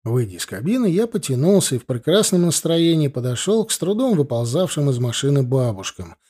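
Man, audiobook narrator, first-person tale, dark husky voice, lively pitch. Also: brisk.

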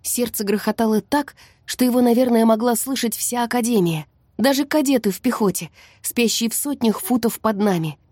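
A woman narrating a fantasy audiobook in the first person, in a tense, hushed storytelling manner. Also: on the high side, normal speed, husky, no room sound, clean studio sound. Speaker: audiobook reader.

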